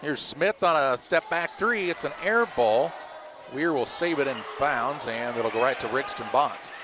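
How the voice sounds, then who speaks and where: A man calling a high school basketball game in quick, clipped play-by-play. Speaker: play-by-play announcer. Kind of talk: live sports commentary. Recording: crowd noise and gym ambience behind.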